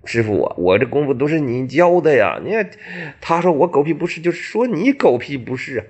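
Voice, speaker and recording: Man doing a high whiny young apprentice. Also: big pitch swings, a little fast, darkish tone. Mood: pleading. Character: whiny young male apprentice, hot-headed loser.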